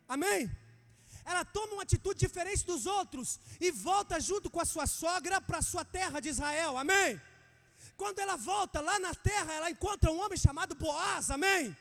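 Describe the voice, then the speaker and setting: A man in his thirties with a Brazilian Portuguese accent delivers a sermon in a very high, ringing voice. He is fervent and calls out to the congregation, climbing into shouts. A long church-hall reverb trails each phrase. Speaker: preacher.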